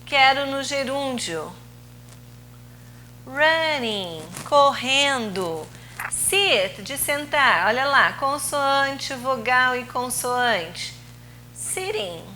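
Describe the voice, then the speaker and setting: Woman, English teacher, Portuguese native, slow patient explaining, fairly high voice, faint hum. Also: lively intonation, pushed and bright, rough recording. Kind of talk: recorded video lesson.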